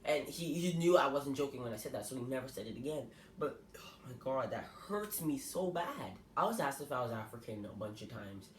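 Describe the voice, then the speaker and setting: A man's voice: medium pitch, lively intonation, fairly quick, a little hiss or hum. A young man from Canada telling personal stories to camera in an earnest, hurt, candid way. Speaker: vlogger. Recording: echoey room.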